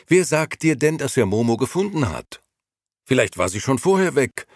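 A man's voice: mid-range voice, sing-song, normal speed, dry recording, clean studio sound, voice pushed up. A man voicing a young male storyteller who answers evasively and pleads in a frightened, hasty way in a storybook reading. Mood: anxious.

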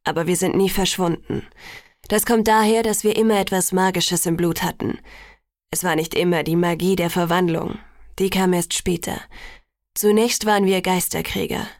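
Brief: woman reading old elder telling legends, solemn and measured, dry close sound. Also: fairly low pitch, fairly even intonation, darkish tone, no room sound, close to an everyday voice. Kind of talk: audiobook reading.

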